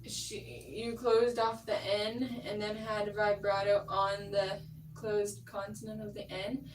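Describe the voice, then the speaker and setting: A woman's voice: mid-range voice, level tone, slow pace. A young adult woman, a vocal coach, patiently explaining singing technique with casual fillers. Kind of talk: singing lesson instruction. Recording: roomy, distant mic, faint music.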